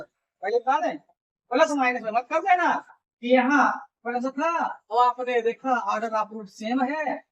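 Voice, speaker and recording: Male coaching teacher with a high, dull-sounding voice; informal, repeats himself and checks in with the class. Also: fairly bright tone. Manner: repeats points and checks understanding often; informal, calls students buddy and brother. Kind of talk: classroom video lecture.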